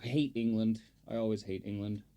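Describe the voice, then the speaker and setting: A man's voice: fairly low pitch, steady tone, a little fast, warm tone, clear, resonant tone. A man chatting on a podcast as the football pundit, opinionated and rambling, with lots of fillers and the odd swear. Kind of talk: casual chat.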